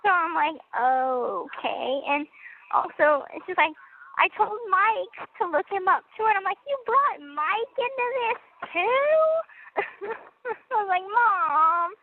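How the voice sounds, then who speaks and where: Over a tinny prison phone line with faint noise, a young woman inmate chats casually on a call, giggling and saying "like" and "um" a lot. Her voice is very high with lively intonation and a slow pace.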